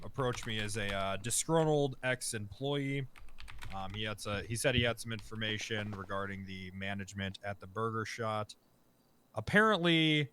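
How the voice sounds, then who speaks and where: A man's voice: mid-range voice, sharp tone, clear, resonant tone. A man arguing a case as prosecutor in a role-play court, hesitant and full of fillers.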